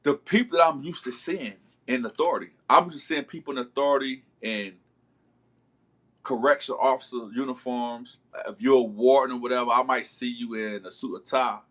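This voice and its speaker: A man's voice: mid-range voice, steady tone, moderate pace, fairly bright tone. A man livestreaming, telling a long story in casual slang and calling out to his viewers. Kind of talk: casual storytelling to a live chat.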